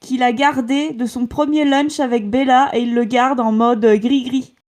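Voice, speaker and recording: Woman, podcast co-host, casual chat, animated, laughing, slightly high voice. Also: normal speed. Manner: animated, laughing, mock-outraged. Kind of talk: casual chat, reading book passages.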